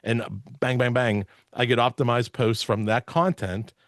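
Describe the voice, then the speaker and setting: Speaking as a guest on a podcast, this man, who owns a podcast theater, explains with casual enthusiasm and punchy emphasis. His voice is medium-pitched, level, fairly bright, and moderately paced, coming through a close, dry mic on a video call with clean studio sound and no room sound.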